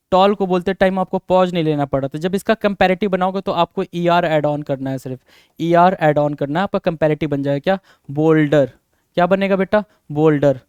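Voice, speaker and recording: A man with an Indian accent teaching grammar, patiently going over each rule and quizzing his students, then supplying the answers himself. His voice is smooth and sits a little high. The recording is dry and close, with no room sound. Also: darkish tone, dry recording. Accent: Indian English. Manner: reads exam sentences slowly word by word. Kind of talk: exam-prep lesson in mixed Hindi and English.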